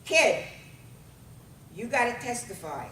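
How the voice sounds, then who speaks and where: A woman's voice: a little high, big pitch swings, slow, a bit bright, a little hiss or hum, exaggerated voice. A woman doing a matter-of-fact cop. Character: gruff Brooklyn beat cop, matter-of-fact. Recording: roomy and far from the mic.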